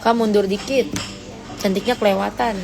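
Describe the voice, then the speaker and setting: This teenage livestream host reads comments on her phone stream and teases her viewers in a playful way, going high-pitched when she fakes outrage. Over background music, she speaks a little fast in a steady tone with vocal fry.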